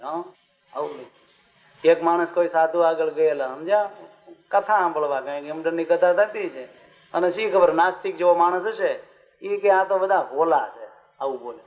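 High-voiced preacher telling stories. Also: male voice. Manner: animated storytelling with questions to listeners. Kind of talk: devotional story sermon. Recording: dull recording with faint music.

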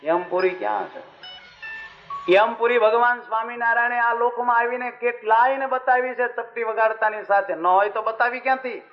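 High-voiced preacher telling stories. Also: male voice, normal speed. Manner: animated storytelling with questions to listeners. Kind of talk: devotional story sermon. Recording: dull recording with faint music.

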